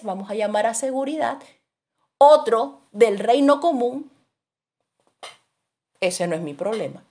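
A woman preaching to her congregation in an animated, storytelling way. Her voice sits a bit higher than most, and she slips into other people's voices to act out her anecdotes. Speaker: Bible teacher. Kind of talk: sermon teaching.

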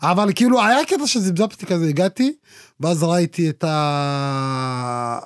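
A young man co-hosting a chatty podcast, his voice sitting high and swinging widely as he tells a story. He talks in loose, animated slang. The recording is dry and close, with no room sound. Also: no echo. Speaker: podcast co-host. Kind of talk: casual chat.

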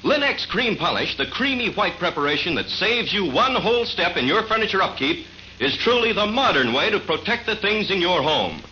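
A man's voice: high-pitched, big pitch swings, normal speed, bright, forceful tone. A man reading a scripted, chipper 1950s radio advertisement with polished, emphatic salesmanship. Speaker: radio announcer reading sponsor ad. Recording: muffled vintage radio recording, faint noise.

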